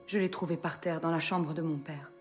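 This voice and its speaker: An actress playing a cold, grieving young female templar who speaks in a measured way over soft game music. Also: low-pitched, steady tone, lightly acted.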